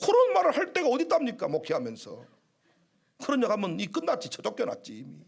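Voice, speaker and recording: A man preaches in a very high voice with a gravelly edge. His pitch leaps and falls in lively swings, and his delivery moves from hushed asides to shouted emphasis. A humorous streak runs through his preaching. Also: fast. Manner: humorous, acting out church squabbles. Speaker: pastor. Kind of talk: sermon.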